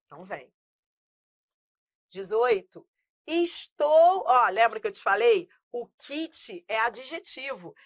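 A Brazilian woman teaching a lively Portuguese grammar class, emphatic and drilling students with repeated examples. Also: fairly high pitch, slow pace, no room sound, clean studio sound.

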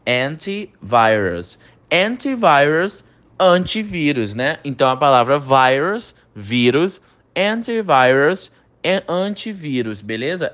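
A man teaching an English lesson online, a native Portuguese speaker, lively and drilling each English word slowly for the learner to repeat. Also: fairly high pitch.

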